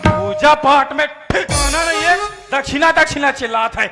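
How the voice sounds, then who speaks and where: A man's voice: very high-pitched, moderate pace, over loud music. An actor with a Chhattisgarhi accent playing an exasperated village householder who parrots and scolds a priest, laughing as he goes. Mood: scolding. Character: exasperated village householder, adult man, mocking. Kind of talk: comic sketch acting.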